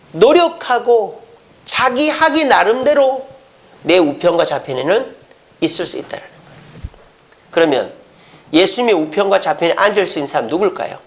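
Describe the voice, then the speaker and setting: A man's voice: very high-pitched, a bit bright. A male pastor giving a conversational sermon at a Friday church service, full of rhetorical questions.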